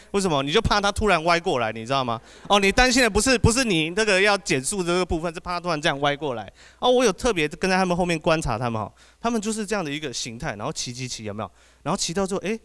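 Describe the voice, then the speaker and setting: A man with a Taiwanese Mandarin accent doing an animated stand-up set, often asking the audience "you know?". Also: a little high, clear, resonant tone. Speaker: podcast host doing stand-up.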